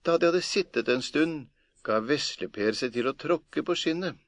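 A man reading a folk tale aloud as an audiobook narrator, in a measured, plain storytelling manner. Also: a little high, animated, no echo, clean studio sound.

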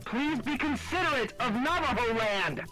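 A woman voicing a male official who shouts stern, drawn-out crowd orders through a megaphone while reading a visual novel aloud. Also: fairly high pitch, lively intonation, music in the background, poor audio. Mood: stern shouting.

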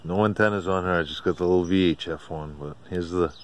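A low-pitched man, an amateur radio hobbyist, casually narrates his own walkaround video outside in a residential driveway. He speaks in a halting, plain, colloquial manner with no script. The clip, shot by an off-screen operator on a handheld camera or phone, carries outdoor ambient noise and birdsong.

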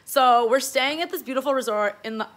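A woman in her twenties with a hoarse, lost voice, chatting playfully and teasing herself in a casual travel vlog filmed on a phone in a resort room. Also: high-pitched, brisk, a bit bright, poor audio. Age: 20s. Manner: chatty, self-mocking, playful. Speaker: vlogger. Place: resort hotel room in the tropics. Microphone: handheld phone camera.

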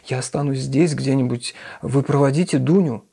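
A man's voice: medium pitch, normal speed, gravelly, dark tone, husky, pitched above the performer's own voice. A man voicing a timid, frightened middle-aged mother who pleads anxiously. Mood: pleading. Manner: pleading, fearful.

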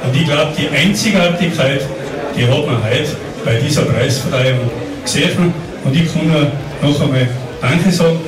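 A man's voice: on the high side, normal speed. A man giving a cheerful, grateful thank-you speech at an award event. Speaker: cable car company head. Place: crowded indoor event hall. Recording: echoey, distant, crowd around. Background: crowd chatter.

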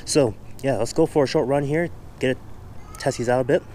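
A man's voice: mid-range voice, fairly quick, a little mellow, a little hiss or hum. A man in his thirties talking casually to a camera held at arm's length in an outdoor backyard, reviewing running gear. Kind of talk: casual vlog chat. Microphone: action camera at arm's length.

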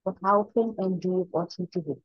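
A woman from Bangladesh with a lowish, slightly husky voice answers test questions, pausing often with fillers. The sound is dry and a little dull. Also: dry recording. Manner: hesitant, many fillers. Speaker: test candidate. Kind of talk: mock exam answers.

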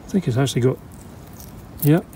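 Slight background noise accompanies a Scottish bottle digger as he vlogs from an outdoor site, casually thinking out loud to the camera. He sounds chatty, enthusiastic and occasionally short of breath. His mid-range voice is warm and animated, running a little fast.

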